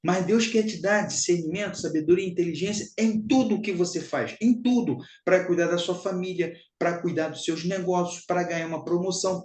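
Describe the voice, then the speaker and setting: Brazilian guy preaching, fairly high voice, keeps repeating stuff, roomy echo. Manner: emphatic, repeats phrases, addresses listeners as brothers and sisters. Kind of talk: live spiritual teaching talk.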